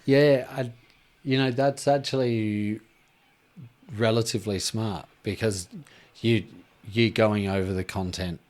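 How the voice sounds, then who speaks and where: A man, hosting a casual podcast chat in a relaxed, rambling way with lots of fillers. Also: on the low side, takes it slowly. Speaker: podcast host.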